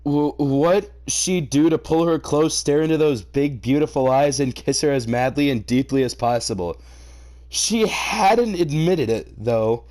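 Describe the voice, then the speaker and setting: In a somewhat high, darkish voice, an unhurried host reads a fan fiction story aloud. He interrupts himself with mocking, sweary remarks, playing up his exasperation for comedic effect.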